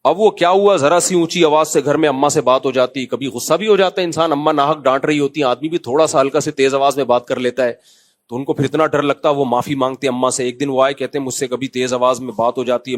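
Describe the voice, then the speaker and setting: A man with a Pakistani Urdu accent giving an informal sermon, telling anecdotes and gently scolding his listeners in a conversational way. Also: mid-range voice, fairly even intonation. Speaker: mufti giving a religious talk.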